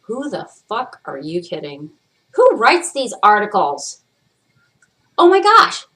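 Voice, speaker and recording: Her pitch swoops wildly around a mid-range center, her pace is slow, and her tone is pushed and bright. She's a vlog host chatting casually and candidly to camera, rambling, swearing a lot and trying on voices for fun.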